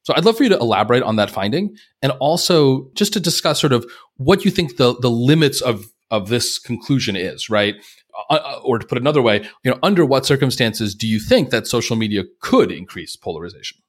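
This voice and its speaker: A man hosting an interview, asking questions haltingly with restarts. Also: mid-range voice, sing-song. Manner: halting, restarts, reads aloud. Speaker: podcast host.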